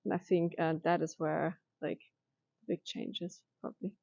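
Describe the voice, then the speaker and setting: A young woman from Germany, a master's student being interviewed, answering thoughtfully with pauses and restarts. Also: fairly low pitch, steady tone, creaky, darkish tone, dry recording, muffled recording. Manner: thoughtful, hesitant, with many fillers and restarts. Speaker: interviewee, education data science master's student.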